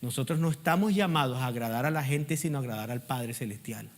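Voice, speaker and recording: A middle-aged man preaching a sermon as pastor, urging the congregation to repeat after him and swinging from loud emphatic peaks to quiet asides. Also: medium pitch, quick pace. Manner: preaching with call-and-response prompts to the congregation.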